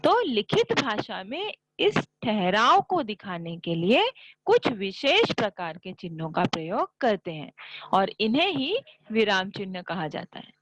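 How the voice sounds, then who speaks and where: A woman's voice: mid-range voice, sing-song, measured pace, low-quality recording. A woman teaching a school grammar lesson, patiently explaining step by step with examples.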